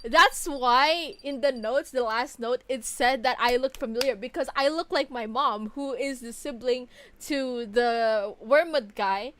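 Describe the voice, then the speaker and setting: A woman with an Indonesian accent giving playful, excitable, swearing commentary as a streamer playing a game. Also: a little high, a little slow, a little hiss or hum.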